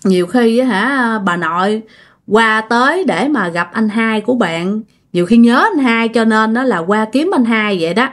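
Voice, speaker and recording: A woman retelling a ghost story in a chatty, unhurried way. Her voice sits a little high for a woman, and she keeps tacking soft fillers onto her phrases. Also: expressive. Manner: conversational, trailing "á" fillers.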